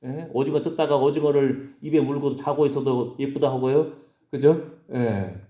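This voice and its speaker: A man's voice: mid-range voice, moderate pace, mellow, echoey room, highs cut off. A male pastor preaching a sermon in a conversational way, often checking in with the congregation. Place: church sanctuary.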